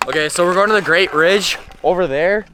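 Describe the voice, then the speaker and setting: A man's voice: high-pitched, a little fast. A young man out on a frozen lake, casually explaining things to his friends. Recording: slightly noisy outdoor amateur video.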